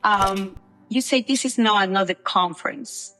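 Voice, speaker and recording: A woman interviewer asking friendly, somewhat halting questions. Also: mid-range voice, pushed and bright, no echo, soft background music, low-quality recording.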